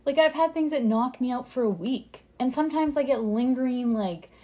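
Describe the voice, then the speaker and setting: Animated, exasperated woman. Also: high voice, moderate pace. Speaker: podcast co-host. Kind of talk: casual chat.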